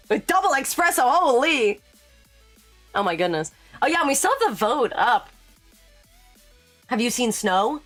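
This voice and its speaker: A woman streaming live in casual chat. She answers chat as she works and jumps to sudden high exclamations. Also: fairly bright tone. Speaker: VTuber streamer.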